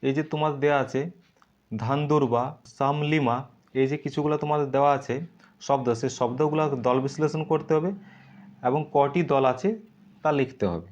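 A man teaching a video lesson, splitting words into syllables slowly and answering his own questions. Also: a little high, steady tone, darkish tone, muffled recording.

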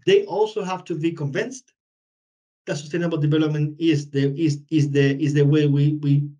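A man with a high voice lectures over a video call. He explains carefully and builds his points through repeated parallel lists. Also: steady tone, moderate pace, mellow, far from the mic. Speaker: guest lecturer. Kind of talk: online webinar lecture.

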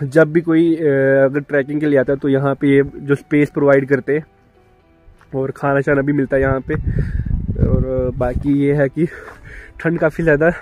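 Soft background music plays under a young biker's casual travel vlog, filmed as a handheld phone selfie at a rainy outdoor hillside camp. He sounds cold and chatty, with a medium-pitched, level, slightly mellow voice at a moderate pace.

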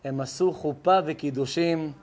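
A high-pitched man preaching as a rabbi before a live audience. He tells his story in a lively sermon style and hammers points home by repeating words. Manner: emphatic, repeats words for effect. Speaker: rabbi giving a lesson.

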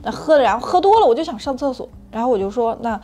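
A woman hosting her own channel, telling a frank personal story in an animated, chatty way with many restarts. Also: a little high, quick pace. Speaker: channel host sharing personal experience.

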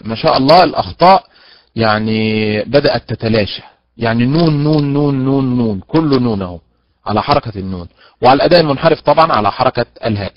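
A man teaching Quran recitation online, slowly drawing out recited examples between quick explanations. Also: medium pitch, no room sound. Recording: dull lo-fi dry online audio.

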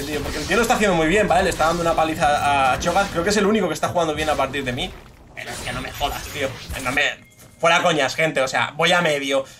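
Young male gaming streamer, Spain accent, slightly high voice, fast excitable rants over noisy game sound. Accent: Spain Spanish. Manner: excitable, swears, frustrated rants at teammates. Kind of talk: live gameplay commentary.

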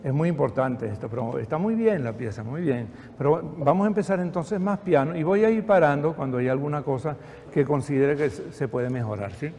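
An older man with a fairly high voice leads a choir through a rehearsal, coaching patiently and encouragingly with a dry wit. His voice carries a long reverb from the hall, with a faint hiss of background noise. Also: animated, fairly quick, a little mellow. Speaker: choir director. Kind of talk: choral rehearsal instruction.

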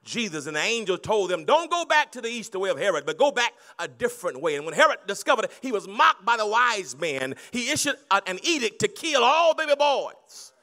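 Lively high-pitched preacher man. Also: a little fast, hardly any pauses. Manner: preaching, swings from low storytelling to loud shouting. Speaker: pastor. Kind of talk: sermon. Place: large banquet hall, indoors. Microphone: handheld mic.

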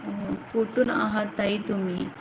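A woman's voice: mid-range voice, steady tone, measured pace. A young woman from the Konkan coast, hosting a casual phone live stream, greeting viewers by name and answering comments. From Ratnagiri, Konkan, India. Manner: chatty, greets viewers by name, calls to her children. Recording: echoey phone recording with loud background noise.

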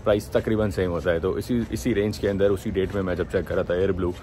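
A young Pakistani travel vlogger, voice sitting low and talking fast, gives a relaxed review to a phone held at arm's length, mixing English phrases in. He's indoors in an airport terminal and plane cabin, with noisy background sound.

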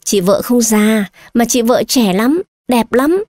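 A woman's voice: a little high, expressive, slow, darkish tone, dry recording, studio quality. Woman doing a childlike simple-minded husband. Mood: childlike eager. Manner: childish pleading tone. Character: simple-minded childlike grown man, eager, clingy.

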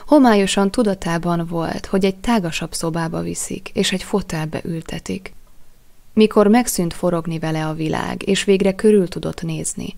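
A woman narrating an audiobook in a measured, expressive storytelling manner. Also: on the low side, creaky. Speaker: audiobook reader.

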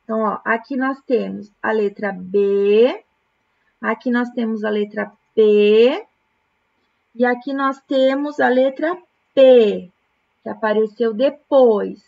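In this somewhat dull, lo-fi recording with slight background noise, a Brazilian woman teaches young children at primary level. Her slightly high voice has vocal fry, and she goes very slowly and patiently, splitting words into syllables as she checks exercises.

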